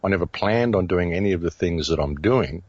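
A man's voice: low voice, fairly quick, darkish tone, slightly rough, dry recording, muffled recording. A middle-aged Australian man, a radio host, telling his story in a casual interview with many restarts and fillers.

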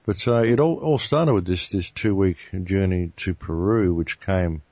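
A deep-voiced Australian man talks as a guest, rambling easily through his story with restarts along the way. The sound is dry and a bit muffled, with no room around it. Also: measured pace, darkish tone, no room sound. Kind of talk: casual interview talk.

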